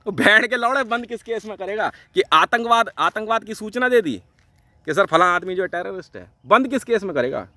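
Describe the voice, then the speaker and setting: A man from India ranting angrily and swearing heavily in a vlog, jumping between loud outbursts and low mutters. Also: expressive, brisk, no echo. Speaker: vlogger. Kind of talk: angry profane rant to camera.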